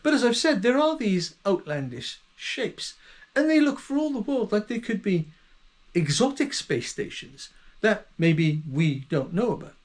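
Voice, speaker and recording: A man with a voice pitched higher than most men's talks to camera as the host of his own channel. His delivery is a musing, speculative monologue, stopping now and then to correct himself mid-thought. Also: very animated, unhurried. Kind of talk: solo video monologue.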